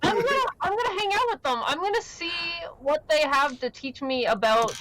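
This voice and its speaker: A woman's voice: high voice, animated, brisk, a bit bright, slight background noise. A woman playing a tabletop game, talking eagerly as a player.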